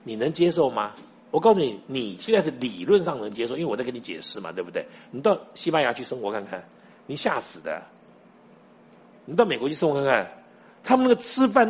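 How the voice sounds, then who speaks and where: Husky male pastor, chatty sermon. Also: on the high side, lo-fi sound. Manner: conversational storytelling, asks the listener directly.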